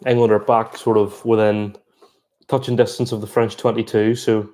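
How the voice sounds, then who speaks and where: Man, live match reaction, chatty and excitable, mellow dark voice. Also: on the low side, moderate pace. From Ireland. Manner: excitable, chatty, bursts of exclamation. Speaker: sports reaction streamer.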